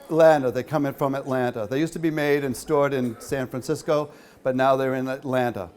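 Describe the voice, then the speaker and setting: A man's voice: medium pitch, fairly even intonation, brisk, a little mellow, some chatter behind. A man giving a rambling, chatty talk at a quilt show and taking questions from the audience, with many fillers. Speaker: featured speaker at a quilt show. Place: hall.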